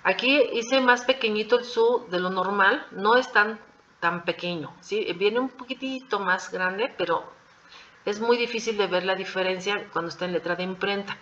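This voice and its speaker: Bright-voiced woman teaching with patient repetition. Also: mid-range voice, normal speed, a little hiss or hum. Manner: patient, repeats examples and checks understanding with "¿sí?". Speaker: Japanese language teacher. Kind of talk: classroom explanation. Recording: dull lo-fi recording.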